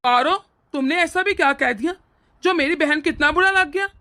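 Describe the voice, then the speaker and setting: A woman's voice: high-pitched, pushed and bright. A woman voicing a hot-tempered young husband and doting brother in a cartoon. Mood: angry. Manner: earnest, quick to anger. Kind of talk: cartoon voice acting.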